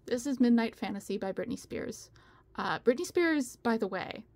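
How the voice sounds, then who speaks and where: Chatty rambling woman, higher voice. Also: animated, moderate pace, a little mellow. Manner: rambly, chatty, laughs often. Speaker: video host. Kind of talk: casual rambling monologue. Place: at home.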